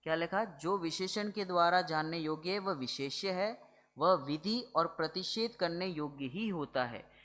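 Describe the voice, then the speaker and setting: A man's voice: fairly high pitch, normal speed, fairly bright tone. A man teaching Jain scripture in a religious discourse, explaining step by step and often asking whether his listeners follow. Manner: keeps checking if listeners follow, asking rhetorical questions; explanatory, mixes English words into his talk. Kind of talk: religious discourse to a seated audience.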